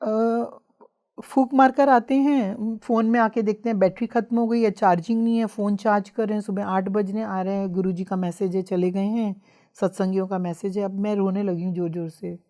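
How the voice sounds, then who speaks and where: A woman telling her spiritual experiences as a guest in an emotional storytelling style, mixing English phrases into her Hindi and rising into intense, excited outbursts. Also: medium pitch, normal speed.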